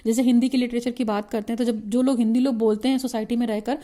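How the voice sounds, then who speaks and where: Mellow-voiced Indian woman teaching slowly. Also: a little high, level tone. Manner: reads English points slowly, then explains with frequent "ठीक ना?" check-ins. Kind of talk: explanatory lecture.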